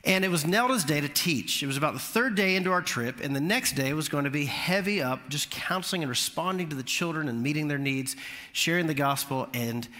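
A man preaching a sermon, telling a lively story and rising in pitch at the funny moments. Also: brisk. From Florida. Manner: animated storytelling, voice climbing high at punchlines. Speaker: pastor. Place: church sanctuary. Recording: long hall reverb.

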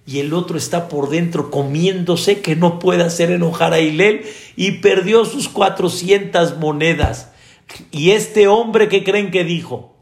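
Slow, animated rabbi in an echoing room. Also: male voice, sits high, creaky. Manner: animated storytelling, asks listeners rhetorical questions. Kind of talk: sermon. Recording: echoey room.

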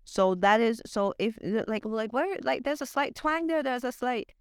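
A woman with a transatlantic accent mixing British and Barbadian talks about her writing as an interview guest, halting and correcting herself with emphasis. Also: a little high, lively intonation, clear, resonant tone, no room sound, clean studio sound. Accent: transatlantic mix of British and Barbadian. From born in Britain, raised in Barbados. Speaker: guest poet and author.

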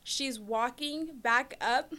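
Lively young woman telling a story. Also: sits high, slow. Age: young adult. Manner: animated storyteller, laughs often. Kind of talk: casual chat.

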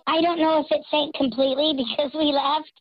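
A woman's voice: high voice, fairly even intonation, a little fast, background noise. A woman calling in anonymously through a voice changer, telling her confession in a chatty way with many fillers and self-corrections. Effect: voice changer morphing her voice. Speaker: anonymous caller confessing a secret. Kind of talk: casual storytelling on a call-in show. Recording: dull lo-fi voice-changed line.

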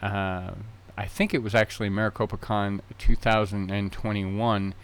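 A man's voice: on the low side, fairly even intonation, normal speed, clean tone. A man hosting a podcast, chatting casually in a rambling way, full of fillers and restarts, a bit tongue-tied early in the morning. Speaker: podcast host.

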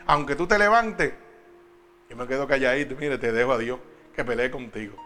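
A man's voice: medium pitch, moderate pace, bright, forceful tone, soft background music. A man preaching a sermon, talking straight to the congregation with emphatic questions.

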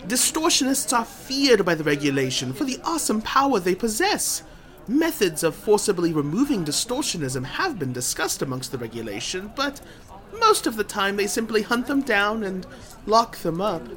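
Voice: medium pitch, big pitch swings, fairly bright tone. Grandiose fantasy bard, super theatrical, voice swoops everywhere, flowery old-timey talk. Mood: grave, dramatic. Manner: theatrical, florid archaic speech, dramatic pauses. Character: flamboyant, grandiose travelling bard, theatrical storyteller. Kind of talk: fantasy audio drama acting.

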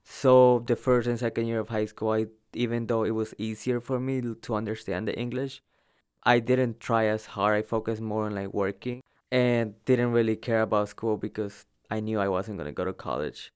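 A young man from El Salvador, a native Spanish speaker, telling his own migration story for an oral history in a halting way full of fillers. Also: lowish voice, steady tone, a little mellow, clean tone. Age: young adult.

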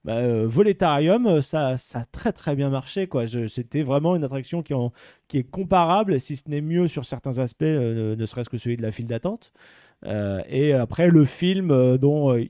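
A man's voice: medium pitch, animated, moderate pace, warm tone, dry recording, studio quality. A man in a casual podcast chat, sharing his ride impressions with many hesitations.

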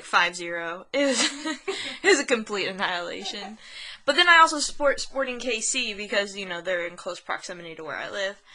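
A young woman with a bright, ringing voice, chatting loosely as a podcast co-host. She rambles, corrects herself mid-sentence and laughs easily at her own slips. Her voice sits a little high. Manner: rambling, self-deprecating, laughs often. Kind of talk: casual chat.

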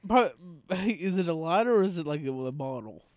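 A man's voice: fairly high pitch, animated, moderate pace, no echo, studio quality. A man co-hosting a casual podcast, reacting with frequent laughs as he recounts comedy skits. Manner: laughs often, short reactions. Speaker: podcast co-host. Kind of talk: casual chat reviewing a comedy show.

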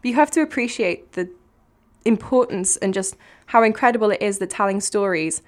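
A young woman in casual podcast chat as a guest, animated, swearing freely and laughing often. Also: mid-range voice, fairly quick.

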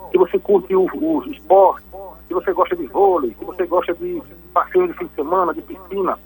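A man calling in to a radio show to explain technology topics, heard over a phone line, speaking in a measured, explanatory way with frequent restarts. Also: fairly high pitch, husky.

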